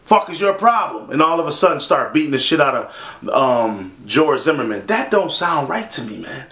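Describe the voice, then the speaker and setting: A man's voice: mid-range voice, very animated, normal speed, pushed and bright, echoey room. A man giving a blunt, profane, sarcastic video rant about a news story. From Minnesota. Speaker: vlogger. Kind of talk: casual ranting commentary.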